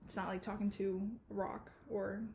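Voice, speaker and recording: A woman's voice: medium pitch, level tone, normal speed, dark tone. A young woman co-hosting a podcast, chatting casually, laughing often and using lots of fillers. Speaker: podcast co-host. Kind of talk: casual chat. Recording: faint ambient noise.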